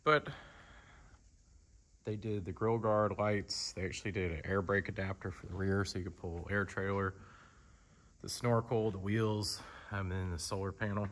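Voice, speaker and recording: A man giving a relaxed, conversational walkaround of a car in a large indoor showroom, speaking from behind the camera. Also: sits low, moderate pace. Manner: relaxed, conversational, lots of fillers. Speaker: car dealer. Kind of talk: casual walkaround sales tour.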